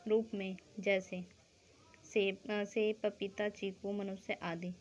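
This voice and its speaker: A woman teaching a school grammar lesson. She explains slowly, asks questions and answers them herself, and keeps checking that the class understands. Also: mid-range voice, slight background noise. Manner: keeps checking understanding with short tag phrases; spells out sounds and counts slowly.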